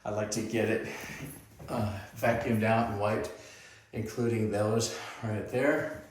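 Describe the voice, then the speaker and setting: A man acting as landlord, narrating a walkthrough video of an empty house in a slow, halting way with plenty of pauses. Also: on the low side, steady tone. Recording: roomy echo with faint noise.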